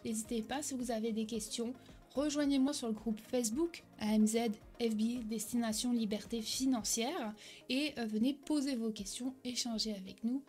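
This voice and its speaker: A woman's voice: a little high, fairly even intonation, normal speed, darkish tone, faint music behind. A young woman giving a direct-to-camera tutorial as an online selling coach, talking energetically with frequent "ok?" check-ins and a few hesitations and self-corrections.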